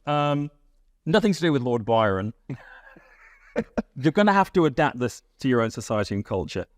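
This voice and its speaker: A man explaining a mentalism card routine in a relaxed, wry way, with asides. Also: mid-range voice, moderate pace, dry recording, clean studio sound. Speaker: magic instructor. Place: London studio.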